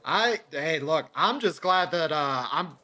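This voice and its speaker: Man doing a nervous tradesman NPC, stammers, slow and bright. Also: a little high, animated, exaggerated voice. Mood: relieved. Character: jittery male carpenter drinking ale after work.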